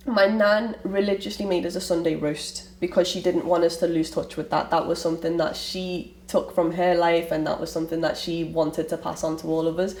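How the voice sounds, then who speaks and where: With a lowish, darkish voice and her native Liverpool accent, a young woman from Liverpool, England opens up about her family history in an interview, rambling and restarting sentences often. The sound is roomy and picked up from afar, with faint background noise.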